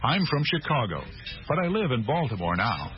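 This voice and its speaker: An actor playing a friendly American news reporter, speaking simply and patiently in an English-lesson drama with an American accent. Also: male voice, mid-range voice, very animated, moderate pace, soft background music, close to an everyday voice. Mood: friendly, inquiring. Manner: clear, simplified, patient phrasing. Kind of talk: scripted language-lesson drama. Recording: muffled lo-fi lesson audio.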